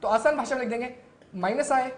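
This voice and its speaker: A woman's voice: fairly high pitch, fast, roomy sound. A woman teaching a physics lesson to students, asking questions and answering them herself.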